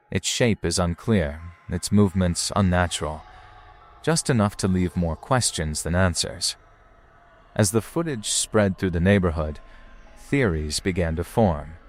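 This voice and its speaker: A man with a deep-set voice narrates scripted suspense. He speaks in a deliberate, ominous storytelling manner, as a narrator laying out mysterious incidents. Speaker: narrator of paranormal footage compilation.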